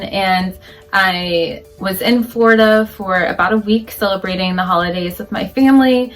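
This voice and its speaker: A woman's voice: medium pitch, a bit bright, low-quality recording. A young woman in her twenties with a Southern US accent, chatting casually to camera in an upbeat vlog recap with filler words. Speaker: vlogger and doctoral student.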